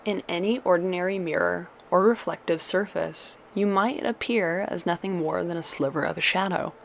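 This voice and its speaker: In an ASMR audio roleplay, a woman plays a tender, doting witch girlfriend soothing her monster lover with old-fashioned endearments. Her voice is on the low side and creaky at normal speed, with a little hiss or hum, and the mood is calm and instructive.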